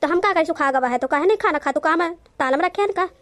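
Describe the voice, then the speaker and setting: A bossy old cartoon mother, voiced by a woman, scolding in a high, rapid Awadhi-accented voice. She fires off orders and complaints one after another. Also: fairly bright tone. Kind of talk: cartoon voice acting.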